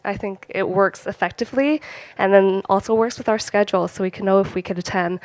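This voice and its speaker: Woman, polite, university representative, audience question, mid pitch, dry recording. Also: no echo, rough recording.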